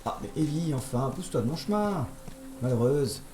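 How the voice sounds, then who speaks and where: Chatty and playful, a man hosts a let's play, commenting casually on his gameplay and tossing jokey asides to his viewers. His voice is fairly high with lively intonation and a moderate pace. The recording sounds roomy, with loud game music and slight background noise.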